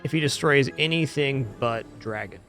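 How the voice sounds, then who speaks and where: Male game streamer, casual, mid-pitched. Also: moderate pace, fairly bright tone. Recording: faint game music behind.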